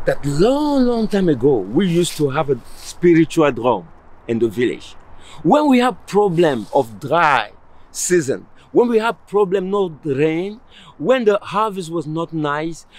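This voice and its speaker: A man from Cameroon, telling a village folk tale in a lively, repetitive oral storytelling style. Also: on the high side. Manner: animated, repeating phrases, explaining drums. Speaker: storyteller and musician.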